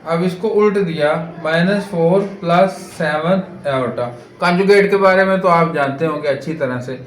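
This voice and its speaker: A man lecturing as a math teacher, working through problems step by step and asking rhetorical questions as he goes. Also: on the high side. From Pakistan. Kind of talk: board lecture solving exercises. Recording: echoey room with faint noise.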